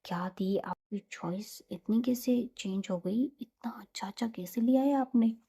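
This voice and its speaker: A woman's voice: mid-range voice, normal speed, creaky, mellow, breathy edge. A woman storyteller voicing a cheeky, coaxing younger sister.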